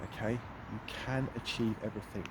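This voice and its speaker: A man's voice: on the low side, steady tone, moderate pace. A middle-aged man and empowerment coach, speaking earnestly and emphatically as he walks through woods, repeating phrases for weight, recorded on a phone he holds. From United Kingdom. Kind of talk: walking vlog monologue. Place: outdoors in woods. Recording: faint outdoor noise.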